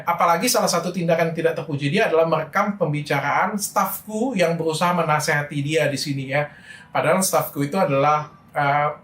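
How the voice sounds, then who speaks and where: A middle-aged man telling his side of a story in a casual monologue, animated and frustrated. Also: roomy sound. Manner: animated, frustrated, shifts pitch when quoting people.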